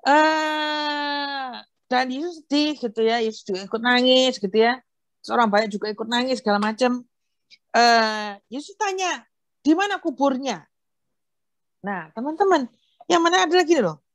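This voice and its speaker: A young woman giving a casual online sermon to a youth group over a video call, telling the story in a lively way and acting out the dialogue. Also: sits high, normal speed, long pauses, no room sound, clean studio sound. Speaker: youth fellowship speaker.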